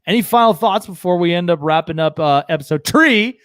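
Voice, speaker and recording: Co-host, man, slightly high voice, rambling and enthusiastic, dry close mic. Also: animated, fairly quick, fairly bright tone, smooth, no room sound. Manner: rambling, many restarts and fillers, enthusiastic. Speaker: podcast co-host. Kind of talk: casual sports chat.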